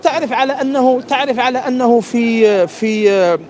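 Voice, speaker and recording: A man's voice: very high voice, normal speed, a little mellow. A man preaching in a religious debate, insistent and often repeating his phrases.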